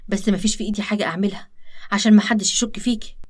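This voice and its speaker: A woman's voice: medium pitch, steady tone, very fast, natural voice. A woman voicing a cautious, reassuring Egyptian young man. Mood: calming. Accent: Egyptian Arabic. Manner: reassuring, practical. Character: cautious young man, calming his partner.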